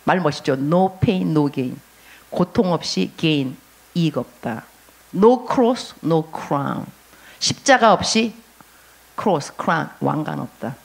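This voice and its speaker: A woman's voice: sits low, animated, slow, vocal fry, husky. A middle-aged woman pastor giving a sermon, acting out inner voices and mixing in English phrases.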